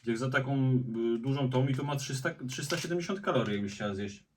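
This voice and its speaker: A man's voice: medium pitch, expressive, fast talker, noisy background. A man casually chatting and reacting as he tastes spicy food, hosting a food vlog. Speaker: vlog host. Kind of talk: casual food-tasting chat. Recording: slightly distant microphone.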